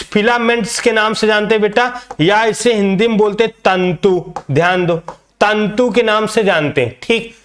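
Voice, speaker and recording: High-voiced man teaching biology. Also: a bit bright. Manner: repeats key terms and quizzes students with "क्या बोलते हैं?"; calls students "बेटा", demonstrates with a flower. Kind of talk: classroom lecture.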